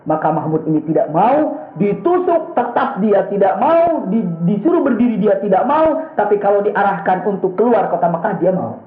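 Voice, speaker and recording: A man preaching a storytelling sermon, acting out the characters with a raised voice and frequent chuckles. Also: normal speed. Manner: animated, acts out characters with raised pitch, chuckles often. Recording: echoey room on a tinny phone-like line.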